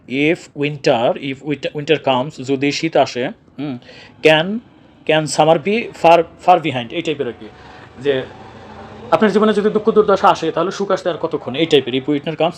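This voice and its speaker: A man's voice: a little high, darkish tone. Bengali man explaining exam answers. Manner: explains step by step, repeats key words, asks and answers own questions. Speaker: exam prep teacher.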